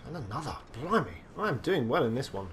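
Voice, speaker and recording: Excitable, swearing gamer man. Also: mid-range voice, fairly quick, a little hiss or hum. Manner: excitable, swears freely, talks to himself. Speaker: gaming video host. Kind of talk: live gameplay commentary.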